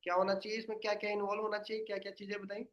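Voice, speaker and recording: A man's voice: sits high, completely flat delivery, very fast, a bit bright, lo-fi sound. A man leading a devotional study session, explaining patiently and quizzing his listeners with questions. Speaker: spiritual teacher.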